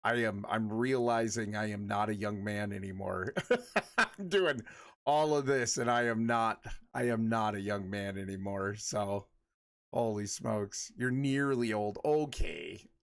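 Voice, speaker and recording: A man's voice: on the low side, a little slow, fairly bright tone. A man in his forties chatting casually with his livestream viewers, rambling and laughing often. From Michigan. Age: 40s. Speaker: livestream host.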